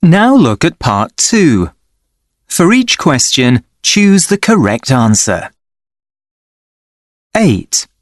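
A man's voice: fairly high pitch, very animated, extremely slow, long pauses, no echo, studio quality. A man reading scripted listening-test instructions as an exam narrator, in an instructional manner.

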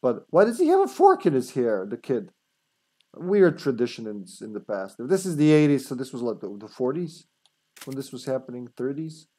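A man's voice: medium pitch, very animated, moderate pace, dark tone, breathy edge. Rambling, joking man streaming a game. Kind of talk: casual gameplay commentary. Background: faint game music.

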